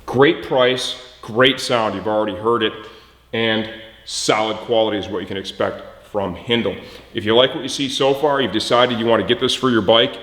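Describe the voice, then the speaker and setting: Explaining each step as he goes, this folksy host of motorcycle install videos keeps his tutorial casual and plain-spoken. His lowish voice is fairly bright, evenly intoned, and at normal speed. It's recorded in a reverberant, echoey room.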